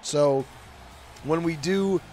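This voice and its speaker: A man with a slightly high voice speaks extremely slowly as he comments on wrestling video game cutscenes. His casual, jokey, self-deprecating commentary rambles along, mixed with mock wrestling announcing.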